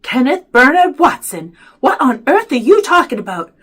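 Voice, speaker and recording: A woman's voice: high-pitched, very animated, normal speed, fairly bright tone, husky, voice pushed up, heavily acted. Woman acting a fretful, dramatic, worried mother. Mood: alarmed. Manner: fretful, slips into Southern style. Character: worried mother, dramatic, tender, scolding when alarmed.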